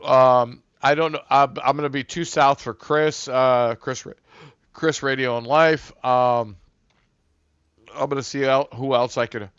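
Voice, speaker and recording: A man's voice: medium pitch, fairly even intonation, unhurried, fairly bright tone, clean tone, no room sound, dull audio. Rambling, slightly tipsy man chatting on stream. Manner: rambling, loose and profane, talks to chat. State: a bit tipsy from beer. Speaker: livestream host. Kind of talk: casual livestream chat.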